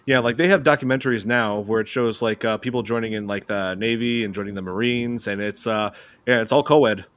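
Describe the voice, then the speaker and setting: A man's voice: on the low side, brisk, a bit bright. A man hosting a horror movie podcast, talking casually and rambling with many hesitations. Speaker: podcast host. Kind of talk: casual chat.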